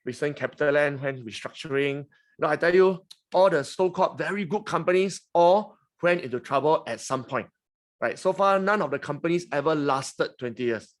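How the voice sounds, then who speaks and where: A man's voice: a little high, moderate pace. Chatty Singaporean man in his forties. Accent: Singaporean English. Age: 40s. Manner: chatty, teasing, frequent "okay?" and "huh?". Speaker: webinar host. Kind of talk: lively finance webinar talk.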